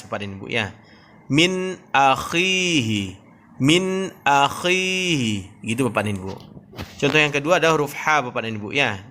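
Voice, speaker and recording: A man teaches Quran reading in a patient, repetitive lesson style. He addresses his listeners often and stretches the example words out slowly. A faint hiss sits behind the voice. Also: mid-range voice, bright, forceful tone. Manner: patient, repeats "Bapak dan Ibu, ya" often.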